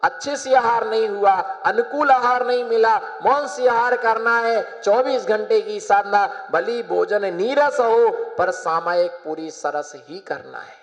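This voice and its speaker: A male monk gives a sermon in a high, unhurried voice. He repeats his phrases and calls on the audience to answer back. A long hall reverb follows his words. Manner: repetitive, prompting listeners to respond. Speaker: Jain monk.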